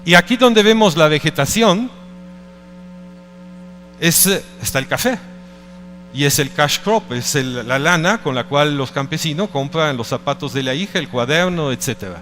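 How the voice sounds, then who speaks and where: A man's voice: fairly high pitch, animated, moderate pace, fairly bright tone, long reverb tail, soft background music. A middle-aged man from Italy with an Italian accent, giving a conference talk in a hesitant way, often restarting and searching for words. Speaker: speaker at a conference. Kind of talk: presentation talk.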